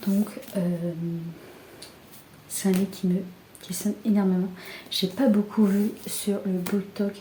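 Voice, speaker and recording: Soft-spoken young woman, half-whispering. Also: mid-range voice, flat delivery, takes it slowly. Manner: soft, often half-whispered, with many fillers. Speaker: book vlogger. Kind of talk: casual book haul chat. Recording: echoey room with faint background hiss.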